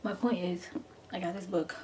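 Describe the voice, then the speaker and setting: Here a woman's fairly low, fairly even voice moves at normal speed through a gushing, informal book review. She leans on repetition to emphasize words, sounding eager throughout, over noticeable background noise.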